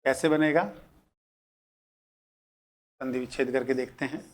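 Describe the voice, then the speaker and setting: A man teaching grammar in a lecture, breaking words into single sounds and repeating them deliberately. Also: medium pitch, steady tone. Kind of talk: classroom lecture explaining at a board.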